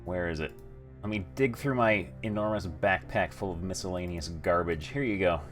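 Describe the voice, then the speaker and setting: Low-voiced man playing a game. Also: normal speed, a bit bright. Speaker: let's play host. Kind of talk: casual game commentary. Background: game music.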